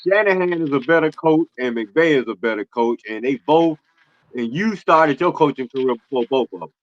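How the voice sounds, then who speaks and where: A man's voice: on the high side, expressive, normal speed, dry recording. A man chatting about sports in blunt, casual street slang, repeating phrases for emphasis, on a lo-fi mic. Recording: dull lo-fi mic with faint noise.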